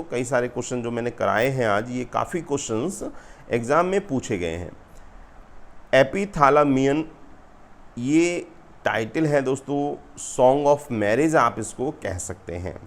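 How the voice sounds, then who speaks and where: A man giving an exam-prep lecture, explaining patiently, addressing his viewers as friends and slowing down to read questions aloud. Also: mid-range voice. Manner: slows sharply to read English questions aloud. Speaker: teacher.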